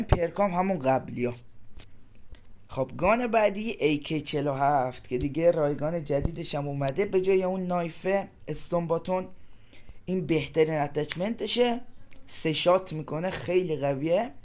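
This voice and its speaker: A man casually walking through game weapon loadouts, listing items in a relaxed, quick way. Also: on the high side. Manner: relaxed, explains quickly in a list-like way. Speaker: gaming channel host.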